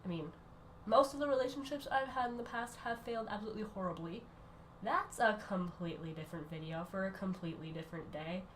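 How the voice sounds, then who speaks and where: A woman who is sick, giving a casual rambling voice-over that keeps breaking off and restarting in quick bursts. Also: mid-range voice, slight background noise. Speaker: art channel creator.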